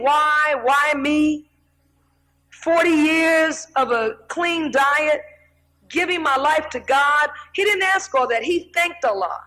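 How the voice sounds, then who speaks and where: An older woman delivers a sermon in a high, bright-pitched voice. She tells stories with lively animation, swinging into excited acted-out shouts between quieter, earnest stretches. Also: rough recording. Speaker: minister.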